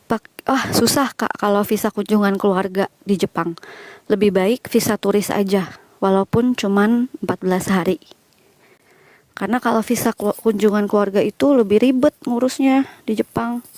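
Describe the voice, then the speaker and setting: A woman's voice: medium pitch, fairly even intonation, moderate pace, darkish tone, dry recording. A young Indonesian woman chatting casually as she walks outdoors and answers viewers' questions. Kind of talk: casual chat while walking. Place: outdoors walking through a quiet village.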